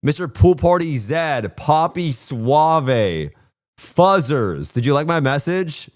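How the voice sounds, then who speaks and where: A man's voice: a little high, big pitch swings, slow, no room sound. A worn-out, hungover man chatting casually to livestream viewers in slangy, profane, rambling, self-deprecating talk, on a close streaming microphone. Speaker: live streamer.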